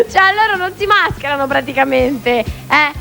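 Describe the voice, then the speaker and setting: A woman's voice: high-pitched, animated, unhurried, fairly bright tone, soft background music. A woman hosting a TV variety show in a studio, chatting in a teasing, playful way with a costumed guest.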